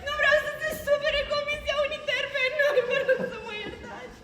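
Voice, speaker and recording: A flustered young actress. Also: female voice, extremely high pitch, fairly even intonation, far from the mic, over a noisy crowd, heavy background noise. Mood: apologetic. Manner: pleading, over-apologising. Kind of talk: stage play acting. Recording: echoey theatre hall with audience.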